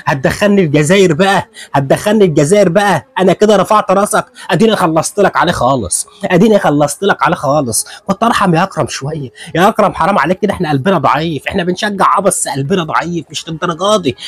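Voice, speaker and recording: A young man with an Egyptian accent giving comic, excitable commentary on a fight and repeating every phrase. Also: high-pitched, husky, dry recording. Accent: Egyptian Arabic.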